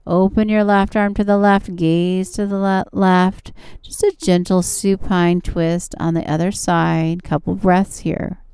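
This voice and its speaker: A woman's voice: lowish voice, level tone, a little slow, few pauses, warm tone, smooth, no echo. A woman yoga instructor leading guided stretching and relaxation in a soothing, encouraging manner. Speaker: yoga instructor and show host.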